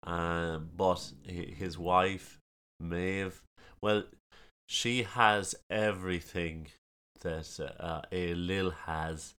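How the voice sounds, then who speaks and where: Deep-voiced lilting Irish storyteller man from Kerry. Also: steady tone, drawn-out words, bright, forceful tone, clear, resonant tone. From County Kerry, Ireland. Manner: lilting, musical way of speaking. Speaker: storyteller, podcast guest. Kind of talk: casual chat, storytelling.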